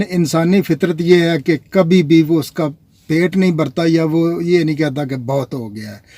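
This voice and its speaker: A slightly high, somewhat dark male voice, recorded with no echo. He's a Pakistani vlogger who rambles chattily and speaks directly to his audience, calling them "nazreen."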